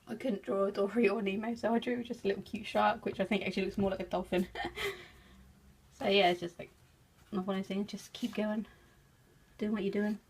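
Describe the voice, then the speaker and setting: Husky and medium-pitched, she talks fairly quickly in a level tone but leaves long pauses. She's a craft vlogger from England with an English accent, giggling and joking about herself while casually showing her work.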